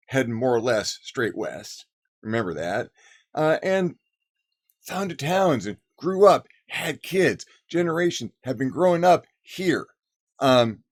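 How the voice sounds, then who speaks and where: A man putting on a folksy cowboy drawl. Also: medium pitch. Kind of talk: cowboy voice in a monologue.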